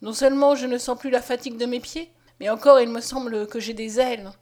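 A woman's voice: fairly high pitch, fairly even intonation, fairly quick, darkish tone, natural voice. A woman voicing a hopeful, devout young peasant girl who speaks fervently and tenderly. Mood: joyful.

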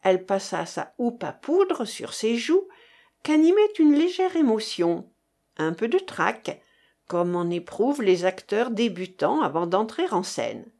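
Expressive woman reading a novel aloud. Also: mid-range voice, a little slow. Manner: lively, expressive reading with acted dialogue. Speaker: audiobook reader. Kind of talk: scripted narration.

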